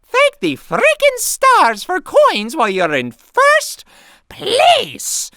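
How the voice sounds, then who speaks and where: A man voicing Mario, an excitable, earnest cartoon video game plumber, with an exclamatory singsong delivery. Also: extremely high pitch, takes it slowly, dry recording, clean studio sound, voice pushed up, exaggerated voice. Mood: exasperated. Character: high-pitched excitable cartoon Mario, earnest older brother. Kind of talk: comedic video game parody voice-over.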